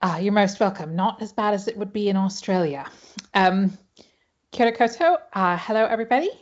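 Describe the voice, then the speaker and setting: A woman's voice: medium pitch, lively intonation, fairly quick. Brief: American woman panelist, chatty, lots of ums, muffled video-call sound. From Hawaii, United States. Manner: chatty, many fillers. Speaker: panelist, pattern maker and costume historian. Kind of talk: online panel talk. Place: home, late at night in New Zealand. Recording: dull lo-fi video call audio.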